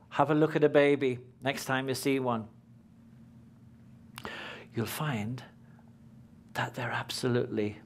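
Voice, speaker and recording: A British man giving a live workshop talk as a spiritual teacher, speaking slowly and emphatically and often dropping to a whisper. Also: medium pitch, a little mellow, slight background noise.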